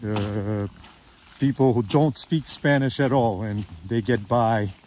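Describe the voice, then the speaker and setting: A man in his fifties vlogging as he hikes a forest trail, talking slowly with many "uh" fillers, filmed on a phone held at arm's length. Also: medium pitch, darkish tone, slight background noise. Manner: slow and halting, many "uh" fillers. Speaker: hiking vlogger. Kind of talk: casual walking vlog. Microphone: phone camera held at arm's length.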